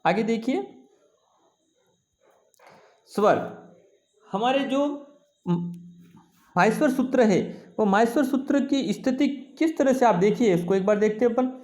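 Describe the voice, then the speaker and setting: A man teaching a Sanskrit lesson, explaining slowly and often checking with "है ना" and "ठीक है". He stretches out vowel sounds to show how long each is held. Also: very high-pitched, animated, a little mellow. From India. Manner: slow and explanatory, repeating "है ना" and "ठीक है" to check understanding; draws out vowels to show their length. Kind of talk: classroom lesson.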